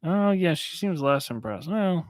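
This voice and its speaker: A man's voice: on the high side, lively intonation, a little slow, no echo. Giggly laid-back guy. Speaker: podcast co-host. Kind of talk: casual movie-recap chat. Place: small warm room, under a heater.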